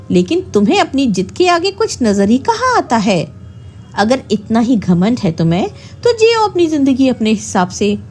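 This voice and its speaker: A woman's voice: on the high side, a little mellow. A woman voicing a weary, resigned older father who speaks reproachfully in a storybook tale.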